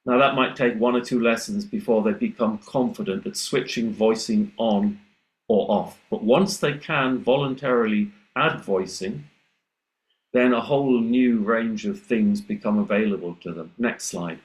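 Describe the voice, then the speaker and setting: An Englishman presenting a webinar as a teacher trainer, explaining and demonstrating speech sounds aloud in an animated way over a video call. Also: lowish voice, moderate pace, low-quality recording.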